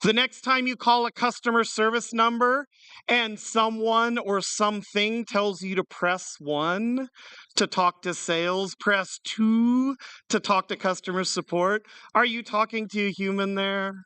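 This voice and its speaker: A conference speaker giving a live tech talk in an energetic, punning way that jumps between fast and slow, picked up from a distance. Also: mid-range voice, clean tone, no echo.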